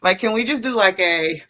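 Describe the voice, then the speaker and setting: A middle-aged woman telling stories in a casual chat, animated and quick to laugh. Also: medium pitch.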